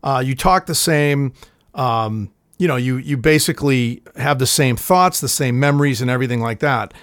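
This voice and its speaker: A man's voice: medium pitch, normal speed, a bit bright, dry recording, studio quality. A man telling stories in a casual chat, rambling and swearing, acting out the scenes. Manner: rambling storyteller, swears often, acts out scenes.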